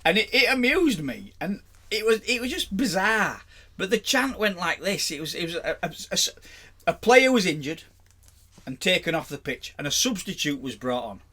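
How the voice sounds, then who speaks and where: A man's voice: high-pitched, very animated, normal speed, pushed and bright. A man with a Yorkshire accent, co-hosting a podcast in casual chat and telling pub anecdotes with frequent laughter. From England. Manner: chatty anecdotal storyteller, laughs often. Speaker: podcast co-host.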